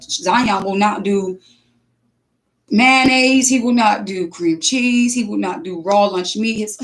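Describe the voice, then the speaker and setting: A mother speaking casually, telling an animated spiritual testimony full of restarts and acted-out quotes. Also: medium pitch.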